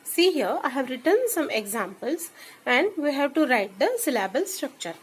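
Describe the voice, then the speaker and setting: A high-voiced woman teaching a class, drawing out each word very slowly. She explains things patiently, step by step, and keeps asking "okay?" to check the students are following. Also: sing-song, rough recording. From India. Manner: slow and deliberate in English, much quicker when switching to Hindi. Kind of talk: classroom lesson.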